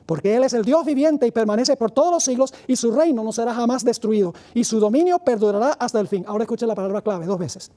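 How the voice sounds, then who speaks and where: Pastor preaching, man with a dark warm voice, reads Bible passages slowly and stresses key words. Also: very high voice. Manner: reads scripture aloud, slowing on key words; mentions rushing through much material. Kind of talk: sermon, Bible study lecture.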